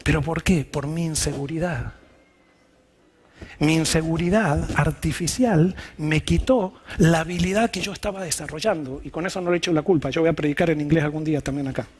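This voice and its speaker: A man's voice: on the high side, fairly quick, few pauses, a little mellow. A male pastor, preaching a sermon and telling a candid personal story.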